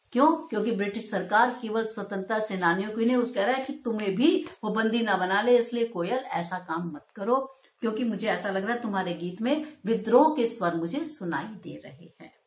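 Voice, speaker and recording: Teacher woman reciting poetry, echoey room. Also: mid-range voice. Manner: recites verse lines slowly and expressively, then explains in plain speech. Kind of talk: explaining a Hindi poem to school students.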